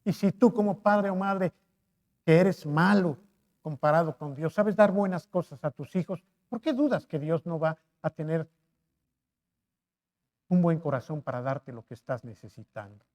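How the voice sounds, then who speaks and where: A man's voice: a little high, moderate pace, a little mellow. A man preaching a sermon with impassioned delivery, building to fervent pleas and repeating phrases. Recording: reverberant church hall.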